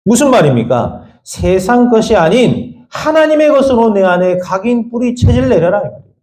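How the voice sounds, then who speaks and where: A man preaching a sermon in a church sanctuary, his fairly high voice leaping up and down as he presses the congregation with question after question. He rises to loud high peaks, then drops to low quiet asides. The room around him rings with echo. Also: big pitch swings, normal speed. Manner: emphatic, fires repeated rhetorical questions at the congregation; swings between raised high lines and low quiet asides. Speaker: pastor.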